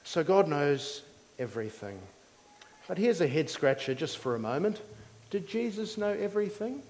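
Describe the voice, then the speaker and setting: A male preacher with a slightly high voice gives a teaching sermon in a long, reverberant hall. He explains simply and deliberately, phrase by phrase, in a measured didactic manner. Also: darkish tone.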